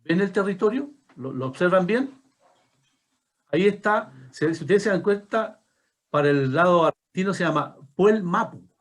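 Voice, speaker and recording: Man, seventies, Chilean accent, retired teacher, informal lecture, halting with restarts, slightly high voice, video call. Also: lively intonation. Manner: halting, with frequent restarts and asides. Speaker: retired teacher presenting a talk.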